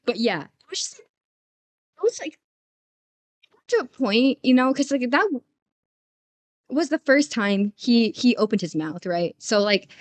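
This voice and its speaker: A young woman livestreaming while she draws, telling stories in casual chat, rambling and animated with lots of stammered restarts. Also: a little high, measured pace, pauses often.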